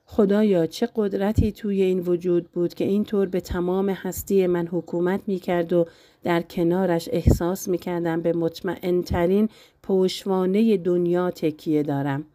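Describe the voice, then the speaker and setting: Female audiobook narrator; dark, mellow tone, dry close mic. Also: fairly low pitch, fairly even intonation, no room sound. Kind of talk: novel reading.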